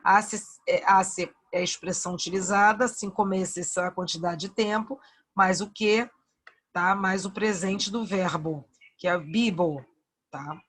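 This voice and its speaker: A woman's voice: medium pitch, fairly even intonation, measured pace, a bit bright. A woman teacher with a Brazilian Portuguese accent giving an online grammar lesson, patiently repeating verb forms and checking in with her students.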